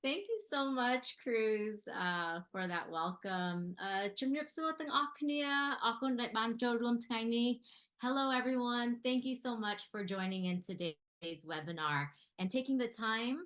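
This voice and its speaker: A woman's voice: medium pitch, expressive, very fast, a bit bright. A woman in her forties from California, giving an earnest webinar presentation over a video call microphone and searching for her words as she goes. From California, United States. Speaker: guest speaker.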